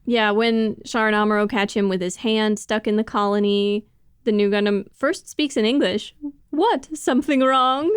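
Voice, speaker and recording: A woman co-hosts a casual podcast discussion with a smooth, resonant voice. She is recorded close and dry, with no room sound. She explains things carefully and often laughs while she talks. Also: medium pitch, fairly even intonation, moderate pace, no echo. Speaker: podcast co-host.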